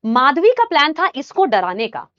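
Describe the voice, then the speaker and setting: A young woman teacher telling a personal story in a casual, animated way, addressing listeners like her students. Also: high voice, normal speed, dry recording, dull audio.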